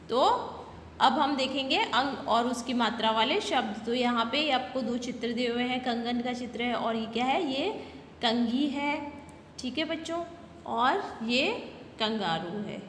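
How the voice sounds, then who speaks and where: Woman teacher for small children: high, bright voice, slow and patient, echoey room. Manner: patient, repeats words slowly and asks questions to the children. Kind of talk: slow classroom video lesson for young children. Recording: echoey room with long reverb and faint noise.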